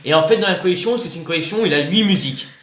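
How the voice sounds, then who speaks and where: This video host's voice sits on the high side and sounds animated and fairly bright as he races through showing off his purchases. He rambles, jokes and repeats himself in a casual unboxing chat, captured in an echoey room with faint background noise.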